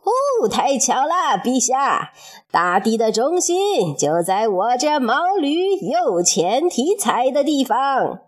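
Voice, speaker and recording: A woman voicing the clever folk hero Afanti in a storybook tale, polite, sly and calm. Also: sits high, takes it slowly, exaggerated voice.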